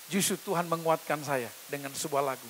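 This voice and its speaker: A man preaching a testimony sermon as a pastor, addressing his listeners emphatically and breaking into a slow worship song. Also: a little high. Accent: Indonesian.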